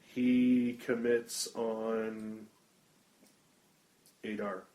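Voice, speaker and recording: A man's voice: lowish voice, level tone, drawn-out words, darkish tone. A man acting as game master, describing combat blow by blow and weighing the rules as he goes. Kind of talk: narrating a tabletop game. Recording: roomy table recording.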